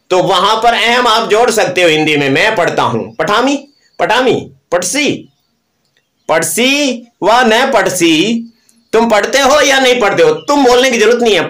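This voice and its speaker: Male teacher, high voice, recites forms and quizzes himself; roomy echo. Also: fairly bright tone. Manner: drills verb forms aloud, asks and answers his own questions. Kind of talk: live online grammar lesson.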